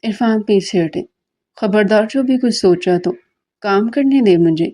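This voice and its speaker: A woman's voice: mid-range voice, lively intonation, warm tone, natural voice. A woman voicing a young wife in a romantic audiobook novel, scolding and pleading with her husband.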